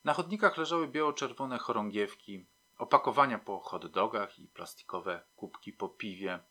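Man, audiobook narrator, bright clear tone, measured, somber. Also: on the low side, lively intonation.

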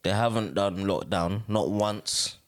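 A man's voice: fairly low pitch, measured pace. A young man with a London roadman accent, chatting casually and peppering his talk with slangy forms of address.

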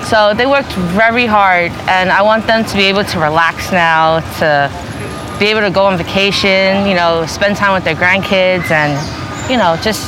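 With noise in the background, a medium-pitched woman speaks at a moderate pace in a relaxed interview. She's a New Yorker in her twenties who works in the family store, and "you know" slips into her talk frequently.

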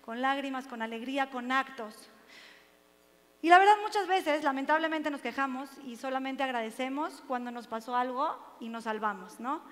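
Woman preaching to a women's seminar, lots of questions, bright tone. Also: sits high. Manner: earnest, with rhetorical questions. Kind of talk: inspirational religious talk. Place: seminar hall. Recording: long hall reverb.

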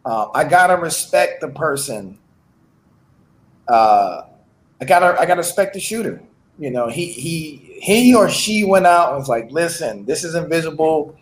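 Brief: man, high and very animated pitch, echoey room, brash chat. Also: measured pace. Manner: lively, storytelling, hustler bravado. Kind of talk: casual chat.

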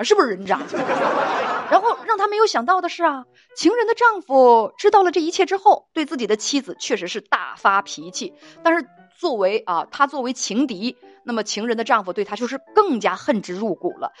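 Female advice-show host, mocking and indignant, higher voice, lively swooping delivery, soft music underneath. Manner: scornful, indignant, laughing. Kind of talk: storytelling commentary. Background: faint music.

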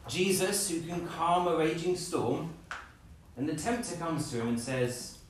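A man preaching a lively sermon, acting out scenes with playful voices. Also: fairly high pitch, unhurried, slight background noise. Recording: echoey room, from a distance.

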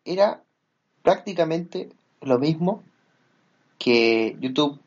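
A man's voice: on the high side, animated, slow pace, muffled recording. A man in a casual chat, talking hesitantly with many fillers as he explains things.

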